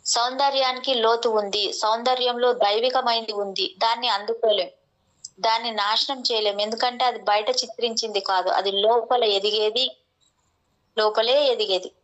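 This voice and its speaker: A woman slowly reading a spiritual text aloud, with a few restarts. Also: on the high side, fairly even intonation, a bit bright, highs cut off. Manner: slow, measured reading with restarts.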